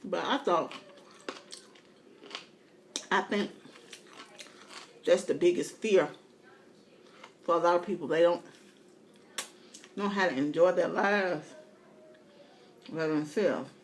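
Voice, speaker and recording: Casual female mukbang vlogger, lowish voice, candid storyteller talking between bites, faint dish clatter in the recording. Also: slow pace, long pauses, a little hiss or hum. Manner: eating as she talks. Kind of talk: casual chat while eating.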